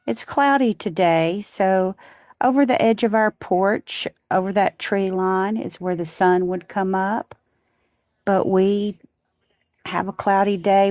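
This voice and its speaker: A woman, softly chatting with viewers on a live stream from her porch. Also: medium pitch, no echo. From Southern United States. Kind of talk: casual chat on a live stream. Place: outdoors on a home porch at dawn.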